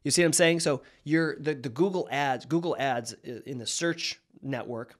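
A man's voice: mid-range voice, moderate pace. Man in his thirties with a mid-range voice, hosting and talking through ideas casually, often restarting. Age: 30s. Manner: conversational, with frequent restarts and rhetorical "right?". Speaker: marketing host. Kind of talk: casual explainer monologue.

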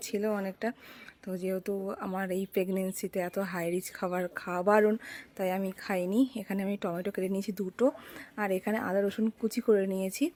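A young woman with a heavy cold, speaking softly and chatting to viewers in a cooking vlog. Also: mid-range voice. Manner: chatty, addresses viewers directly. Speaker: vlogger. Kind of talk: casual cooking vlog narration.

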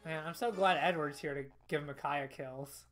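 A woman's voice: low voice, normal speed, soft background music. A woman co-hosting a video game stream, chatting in a playful, jokey way with frequent giggles. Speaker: co-host playing a video game. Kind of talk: casual let's-play chat.

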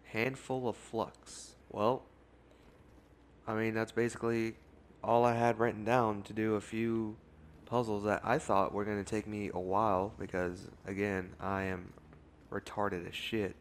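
A young man giving casual gameplay commentary, jumpy and foul-mouthed, yelling and swearing when startled. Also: lowish voice, level tone, measured pace, slight background noise. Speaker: gaming YouTuber.

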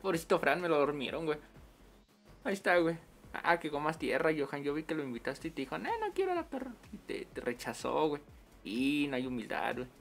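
A man with a Mexican accent chatting casually on a game livestream, full of slang and quick laughs. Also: fairly high pitch, faint music behind. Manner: slangy, laughs often while storytelling. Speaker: game streamer.

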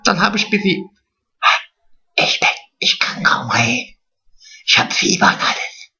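Playing a vain, naive middle-aged woman, a man gossips directly to the camera in an exaggerated, pushed-up, high-pitched voice that's creaky and swings widely, bright and drawn out slowly. It's a drag comedy monologue with dull, lo-fi, home-video sound.

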